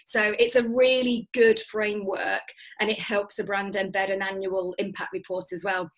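A woman's voice: medium pitch, little pitch movement, normal speed. A woman, a guest on a video call, talking enthusiastically with many fillers and restarts. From Lancashire, England. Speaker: guest, business founder. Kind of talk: remote interview. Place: dim home room.

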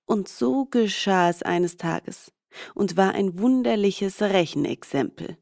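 Slow, gravelly woman storyteller. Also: medium pitch, darkish tone, no echo, studio quality. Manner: slow, deliberate. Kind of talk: fairy-tale audiobook reading.

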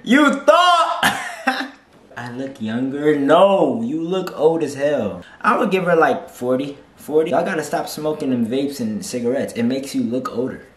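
A man's voice: mid-range voice, big pitch swings, a little slow. A young man in his twenties hosting a reaction video, brash, mocking and profane as he comments. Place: small room, seated on a couch. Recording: echoey room.

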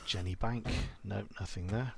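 A man's voice: fairly low pitch, steady tone, moderate pace, vocal fry. A man talking to himself as he plays a survival game, muttering and swearing mildly. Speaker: gaming YouTuber. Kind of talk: let's play commentary. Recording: loud game noise behind.

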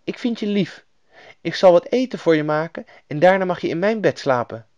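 A man voicing a brave little girl, pitched high and bright, in a fairy-tale reading. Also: lively intonation, brisk, no room sound. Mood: cheerful.

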